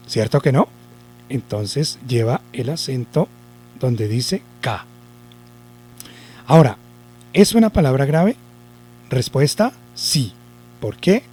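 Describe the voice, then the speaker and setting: With a mellow voice on the high side, this man teaches children spelling. He proceeds deliberately, going over the rules repeatedly and asking himself questions along the way.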